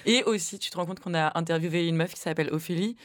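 A woman's voice: fairly low pitch, fast talker, no echo, clean studio sound. A woman co-hosting a casual radio show, reading a cheeky quiz in a playful, teasing way. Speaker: co-host.

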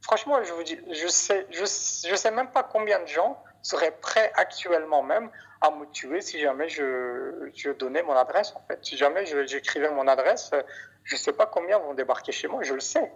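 A man's voice: a little high, normal speed, slightly rough. A man from Afghanistan heard over a Skype call, giving hesitant testimony as an interview guest and often tacking on "en fait". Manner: hesitant, keeps adding "en fait". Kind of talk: testimony in a broadcast report. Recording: muffled internet call audio.

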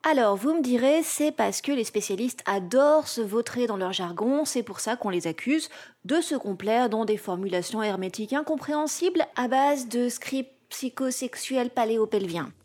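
A woman's voice: fairly high pitch, expressive, normal speed, a little mellow. Playful woman podcast host. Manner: playful, punchy, rhythmic word lists. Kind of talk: scripted comic narration.

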